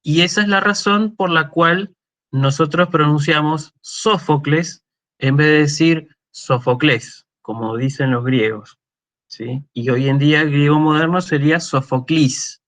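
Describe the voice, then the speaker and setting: A man's voice: fairly high pitch, normal speed, a bit bright. A man with an Argentine Spanish accent giving a university lecture, explaining step by step and often checking in with a questioning "¿sí?". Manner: thinking aloud with fillers and restarts.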